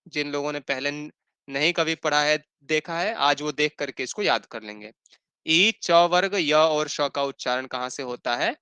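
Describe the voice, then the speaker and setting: Bright, crisp male teacher explaining patiently. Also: on the high side, no room sound. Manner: explains patiently, repeats sutras slowly, often asks "ठीक है?". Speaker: Sanskrit teacher. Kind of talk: online class lesson.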